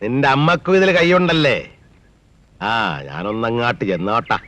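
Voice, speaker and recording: A man's voice: mid-range voice, big pitch swings, normal speed, a bit bright. An actor playing a middle-aged wealthy landlord and father, who talks down to others in a mocking, bossy way. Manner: mocking, domineering. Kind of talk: film dialogue.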